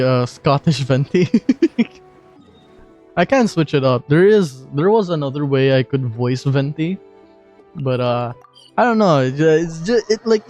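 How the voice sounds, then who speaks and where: A man streaming a game who chats casually and jokes about himself. He talks slowly, with restarts. The tone is loose and self-mocking. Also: fairly high pitch, darkish tone. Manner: chatty, self-deprecating, laughing. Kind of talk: casual commentary while gaming.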